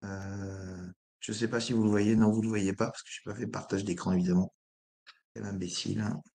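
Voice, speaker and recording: A hoarse man presenting a project in an online meeting, hesitating often with fillers. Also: lowish voice, fairly even intonation, a little fast, a little mellow. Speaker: presenter of an incubator.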